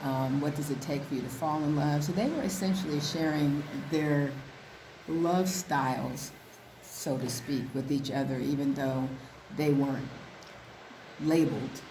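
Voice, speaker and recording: A woman's voice: deep voice, unhurried. A woman co-hosting a conversational recap, recorded outdoors on a seaside balcony with a slight echo. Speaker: podcast co-host. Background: waves, ambient noise.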